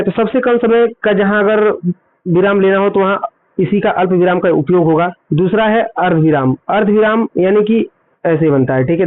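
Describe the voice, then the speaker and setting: High-voiced man teaching grammar, tinny. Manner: explanatory, repeats points and asks then answers quiz questions. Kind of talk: exam-prep grammar lesson. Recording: tinny phone-like audio.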